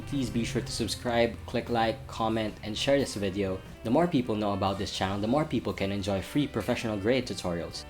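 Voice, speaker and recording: A young man raised in Saudi Arabia, with an international school accent, talks to camera in a vlog update for his channel. His voice is on the low side and darkish, and his update to viewers is earnest and slightly wordy.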